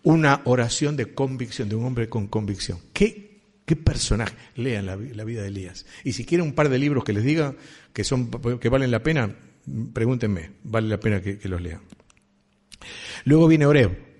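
Husky Rioplatense preacher. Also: male voice, mid-range voice, animated, normal speed, a little mellow. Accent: Rioplatense Spanish. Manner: conversational, asks the congregation questions. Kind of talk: sermon.

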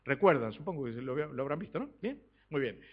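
A man preaching a sermon in church, swinging between loud exhortation and soft asides and asking the congregation rhetorical questions. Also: mid-range voice, very animated, brisk, husky. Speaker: pastor. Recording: dull lo-fi recording.

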